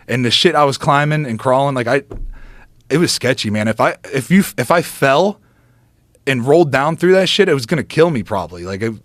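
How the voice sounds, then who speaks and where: Profane, animated man telling a story. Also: mid-range voice, dry recording. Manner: profane, excitable storyteller acting out quotes. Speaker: podcast guest.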